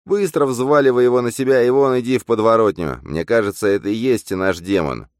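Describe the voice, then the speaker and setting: A man voicing a brash, excitable young male phantom double who talks in bossy slang. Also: medium pitch, a little fast, dry recording, clean studio sound, pitched above the performer's own voice, lightly acted. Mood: urgent.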